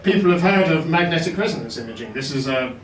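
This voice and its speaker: Guy doing a stand-up set, slightly high voice, faint room noise, mic sounds far off. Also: expressive, fast, crowd noise. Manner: wry, self-deprecating storytelling. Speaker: stand-up science comedian. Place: basement comedy venue. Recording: roomy echo, mic heard from afar.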